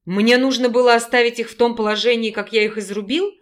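A woman reading an audiobook, voicing a gruff, angry male werewolf who scolds sarcastically, in a fairly high voice. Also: fairly even intonation, fast talker, close to an everyday voice. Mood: sarcastic.

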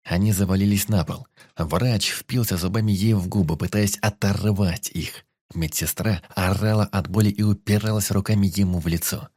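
A man reads a horror audiobook in a low, steady voice. The recording is dry and close, with no room sound. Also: normal speed, dry recording. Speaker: audiobook narrator. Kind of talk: scripted narration.

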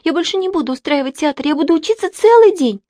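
A woman voicing a timid little girl who pleads in a high, breathless voice. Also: lively intonation, fast, warm tone, dry recording, studio quality. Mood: pleading.

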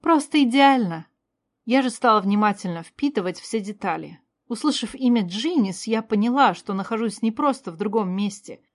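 Woman, storyteller, steady fantasy narration, clear reading. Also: mid-range voice, brisk, hardly any pauses. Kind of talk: scripted first-person fantasy narration.

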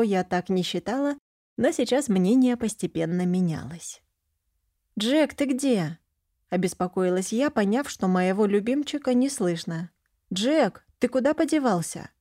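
A woman reads a first-person fantasy audiobook with expressive storytelling. Her voice is warm and mellow, and the recording is dry and close. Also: fairly low pitch, no room sound. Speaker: audiobook reader.

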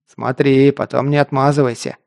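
A man's voice: medium pitch, steady tone, moderate pace, creaky, a little mellow, no room sound, studio quality, natural voice. A man voicing a wary ragged stranger with street slang. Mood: nervous. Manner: laconic, uses street slang.

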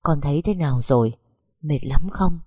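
A woman voicing a worried middle-aged mother in an audio story, coaxing and scolding softly. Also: low voice, normal speed, slightly rough, no room sound, studio quality.

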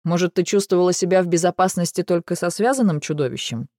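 A brooding male dragon with a stubborn streak and a calm, measured delivery, as a woman reads him in an audiobook. His voice sits a little low, mellow and soft-edged. The recording is dry and close. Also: no room sound. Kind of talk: audiobook character reading.

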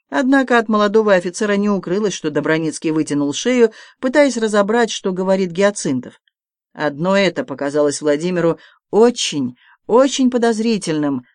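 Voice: medium pitch, lively intonation, moderate pace, a little mellow, no room sound. Audiobook narrator, dry close sound. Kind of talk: scripted narration.

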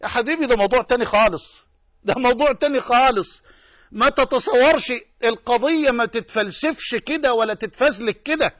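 A man's voice: very high-pitched, a little fast, no room sound, dull audio. A male preacher with an Egyptian Arabic accent delivering an emphatic sermon and repeating key phrases for stress.

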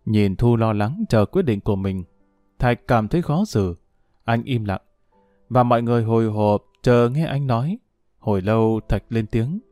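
A man's voice: medium pitch, moderate pace, dry recording. A man narrating a story expressively, voicing every character. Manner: expressive, voices all characters. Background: faint music.

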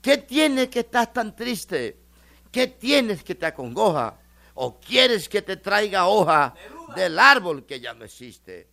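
A man's voice: sits high, very animated, brisk, fairly bright tone. A man playing a helpful friend who gives advice in a comic tale. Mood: coaxing.

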